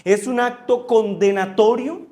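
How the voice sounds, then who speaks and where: Pastor, man, high voice, unhurried earnest sermon delivery. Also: fairly even intonation, mellow. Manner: earnest, measured preaching, corrects himself when misreading.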